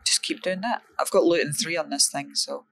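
Playful, lower-voiced woman gaming. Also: brisk, vocal fry, fairly bright tone. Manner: playful, teasing the game's creatures, lots of sound effects. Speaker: gamer. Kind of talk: casual gaming chat.

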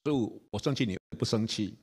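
Offended man at a meditation retreat, heated protesting, voiced by a male monk, low voice, husky tone. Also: fairly quick, darkish tone, long reverb tail. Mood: indignant. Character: indignant male retreat participant, easily offended.

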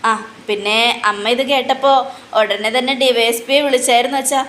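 A defiant young woman from a TV serial, sharp and scornful in every line, as a woman reads her. The voice sits a little high and stays close to the reader's own, with faint hiss behind it. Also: fairly even intonation, moderate pace, lightly acted.

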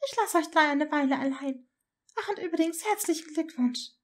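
A woman's voice: sits high, animated, brisk, voice pushed up. A woman voicing a fussy aristocratic older witch, a chatty grandmother who gushes in a raised voice. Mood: knowing.

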